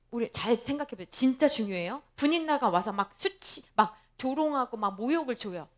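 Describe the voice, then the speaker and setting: A woman pastor preaching a sermon in a church, emphatic and repetitive, putting rhetorical questions to the congregation. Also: high voice.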